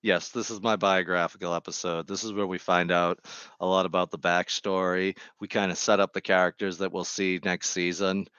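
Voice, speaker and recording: A man chatting casually on a vlog, rambling from topic to topic with deadpan, jokey humor, speaking into a Bluetooth microphone. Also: sits low, normal speed, clear, resonant tone, no room sound, dull audio. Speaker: vlogger.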